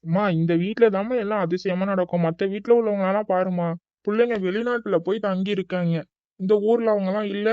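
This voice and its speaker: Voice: medium pitch, steady tone, fairly quick, darkish tone, clear, resonant tone, no echo, close to an everyday voice. A voice actor playing an impatient young adult son in a cartoon, coaxing his mother in an exasperated way. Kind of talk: cartoon voice acting. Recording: dull lo-fi dry recording.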